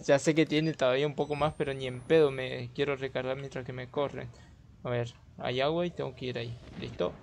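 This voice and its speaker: Jumpy Argentine gamer yelping and swearing. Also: male voice, medium pitch, fairly quick, creaky, a little hiss or hum. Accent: Argentine Spanish. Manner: excitable, swearing, jumpy yelps. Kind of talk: horror let's play commentary.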